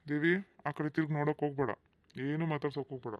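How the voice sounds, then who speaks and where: Brief: man as a cartoon village father, slightly high, affectionate, dull lo-fi sound. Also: fairly even intonation, fast, no room sound, close to an everyday voice. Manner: affectionate, plain village speech. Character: loving village father, soft-hearted, proud of his daughter.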